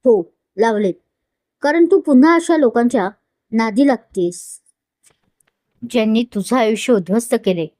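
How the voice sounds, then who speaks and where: A woman's voice: on the high side, lively intonation, normal speed, pauses often, mellow, dry recording, close to an everyday voice. Possessive young man, as a woman reads him. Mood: angry. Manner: commanding, intense. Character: possessive, hot-tempered young man, the male lead.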